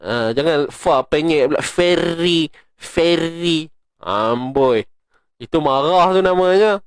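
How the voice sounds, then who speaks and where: Chatty Malaysian ustaz teaching tajwid. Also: male voice, fairly high pitch, clean tone, no room sound. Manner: chatty, joking, drills recitation slowly. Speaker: Quran recitation teacher. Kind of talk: casual online tajwid lesson.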